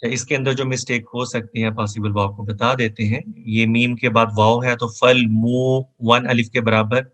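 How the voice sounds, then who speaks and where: A man teaching an online Quran memorization lesson, who explains pronunciation step by step and then recites each verse in a slow, drawn-out chant. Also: mid-range voice, flat delivery, a bit bright.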